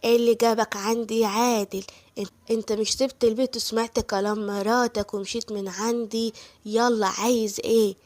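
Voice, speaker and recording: A woman's voice: fairly high pitch, level tone, a little fast, a little mellow, lightly acted. Woman voicing a scolding Egyptian mother-in-law. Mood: furious. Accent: Egyptian Arabic. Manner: scolding, accusing. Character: nagging scheming older mother-in-law.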